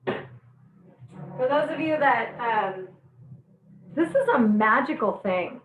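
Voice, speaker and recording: A bubbly woman with a fairly high voice leads an online cooking class, chatting and laughing at her own jokes while her eyes water from onions. Her voice comes through thin and phone-like, bouncing around an echoey kitchen. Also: expressive, slow pace, a little hiss or hum. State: teary from cutting onions.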